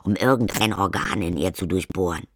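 A man's voice: low voice, a little fast, fairly bright tone, no room sound. A man voicing a sulky, scornful vampire daughter who talks back to her parents. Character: sulky, scornful young vampire daughter, 200 years old.

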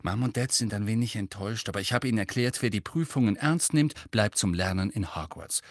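A man voicing a clever, bossy teenage girl who talks in a brisk, lecturing way. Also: fairly low pitch, no echo, clean studio sound, natural voice.

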